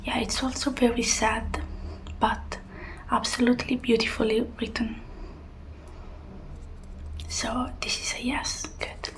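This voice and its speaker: A woman in a whispered role-play as a helpful librarian, speaking in a hushed, breathy whisper. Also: fairly high pitch, slight background noise, rough recording. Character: helpful soft-spoken female librarian suggesting books.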